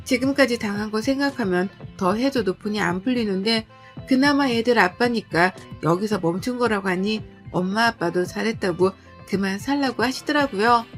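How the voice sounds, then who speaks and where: A woman's voice: mid-range voice, moderate pace. A woman narrating a first-person story in a scripted way, indignant and complaining. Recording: soft background music.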